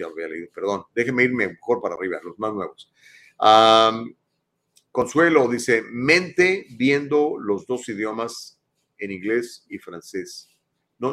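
A man's voice: on the low side, fairly bright tone. Chatty man reading viewer comments. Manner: chatty, self-deprecating, uses slang like "brother" and "chamaco". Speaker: host of live news talk show. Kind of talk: casual live talk, reading viewer comments.

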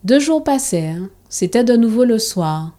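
A woman narrating a children's story in a calm, steady storybook reading. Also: on the high side, moderate pace.

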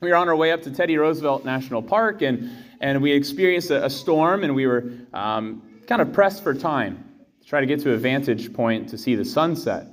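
An American man in his thirties, a priest, reading scripture and giving a homily in measured, deliberate phrases. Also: mid-range voice, animated. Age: 30s. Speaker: priest preaching. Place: indoors, in a church.

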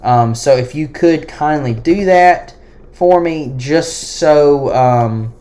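A man's voice: on the high side, slow pace, warm tone. A man hosting his own sports podcast, talking alone in a hesitant way with many fillers and restarts. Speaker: podcast host. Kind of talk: solo sports podcast talk.

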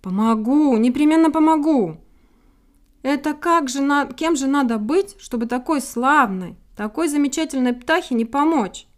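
A good-natured old guard dog, as a woman reader puts him on, talking in a soothing, folksy way. The voice sits fairly high and carries well. This is a storybook reading. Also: lively intonation, slow. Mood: musing. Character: kind, brave, clever old male guard dog.

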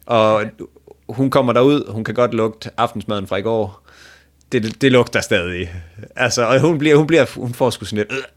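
A man casually retelling an embarrassing date story to a co-host, joking crudely and laughing along. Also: mid-range voice. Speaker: podcast host.

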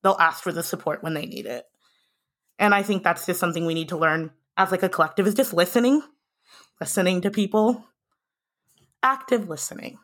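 A woman's voice: on the low side, a little fast, pauses often, fairly bright tone. A young adult woman hosting a podcast, speaking earnestly and with passion in a breathless rush, often restarting her sentences. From United States. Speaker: podcast host. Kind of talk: impassioned podcast monologue.

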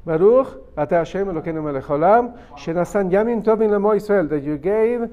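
Over phone-quality sound, a rabbi teaching a Talmud class reads a phrase to his students, translates it, and emphatically repeats the key points. His voice sits high and expressive, and he talks at a quick pace. He explains everything step by step.

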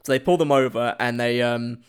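A man chatting casually as a podcast co-host, laughing often as he retells scenes with halting restarts. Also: mid-range voice, fairly even intonation, smooth. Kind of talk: casual chat.

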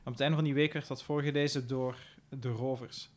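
A playwright answering interview questions hesitantly, with many fillers. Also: male voice, medium pitch, steady tone, fairly quick. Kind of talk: casual interview chat.

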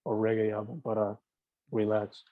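A man's voice: fairly low pitch, monotone, normal speed, no echo. A man of thirty, an easygoing interviewer who asks questions and keeps affirming his guest. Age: 30s. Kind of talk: casual interview, mixing Spanish and English. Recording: dull, dry, lo-fi sound.

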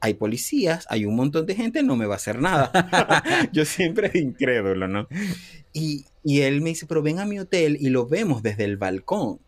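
A man's voice: fairly high pitch, moderate pace. A man in his thirties, from Panama, telling a personal story in a casual interview, acting out the dialogue and laughing often. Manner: animated, acts out quoted dialogue, laughs often. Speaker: interview guest.

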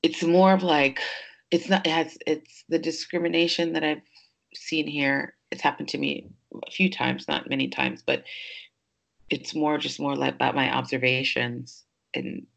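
A woman's voice: deep voice, fairly even intonation, normal speed, vocal fry. A woman who grew up in New York hosts a podcast, speaking in a casual, reflective way with many fillers as she thinks aloud. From New York, United States. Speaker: podcast host.

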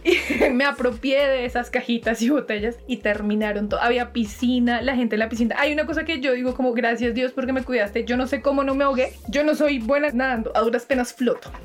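A woman, chatting casually as co-host and telling animated stories, acting out quotes. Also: fairly high pitch, brisk, hardly any pauses. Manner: animated storyteller, acts out quotes. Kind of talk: casual chat.

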